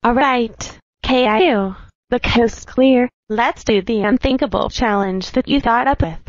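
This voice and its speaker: A woman's voice: on the high side, unhurried, dry recording, highs cut off. A woman voicing a scheming schoolgirl plotting a prank. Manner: scheming, excited. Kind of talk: cartoon voice acting.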